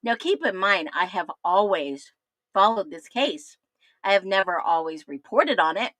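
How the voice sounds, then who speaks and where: Casting note: emphatic woman in her fifties, crime commentator, bright forceful tone, dry close sound. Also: medium pitch, expressive, measured pace, no room sound. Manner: emphatic, repetitive, chatty asides. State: thirsty, getting over the flu. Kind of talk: casual livestream commentary.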